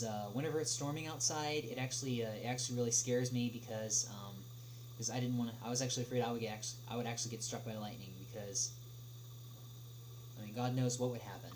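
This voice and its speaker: Answering questions on a casual livestream, a man talks in a mid-range voice with halting delivery and long gaps between phrases. A distinct hum runs through the noisy audio.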